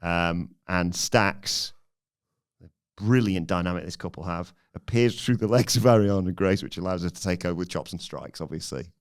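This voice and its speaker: A man's voice: low-pitched, moderate pace, clear, resonant tone. A man co-hosting a podcast, giving a dry, sarcastic play-by-play recap in casual chat. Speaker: podcast co-host recapping the show.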